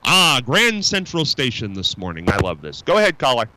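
A male call-in radio host in the studio chats with callers, upbeat, folksy and rambling, with lots of fillers and restarts. His medium-pitched voice swoops wildly and sounds bright and forceful at a normal speed. The low-quality recording carries a little hiss or hum.

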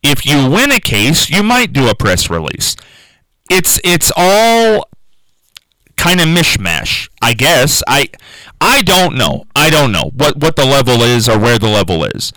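A man with a smooth radio-host delivery, musing aloud to listeners on a call-in show and often trailing off and restarting. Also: medium pitch, huge pitch swings, measured pace, sharp tone, dry recording, poor audio. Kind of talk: call-in talk radio monologue.

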